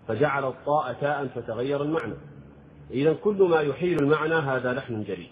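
Man, recitation teacher, lecturing, demonstrates sounds, tinny lo-fi audio. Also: mid-range voice. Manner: explains slowly, demonstrates pronunciation, asks students questions. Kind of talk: lecture on tajweed rules. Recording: tinny lo-fi phone-like recording, faint noise.

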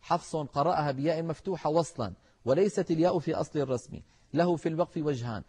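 A middle-aged man, a Quran recitation scholar giving a televised lesson in a measured, explanatory way and speaking straight to his viewers. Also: fairly high pitch, darkish tone, husky. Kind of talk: televised religious lesson with chanted verses.

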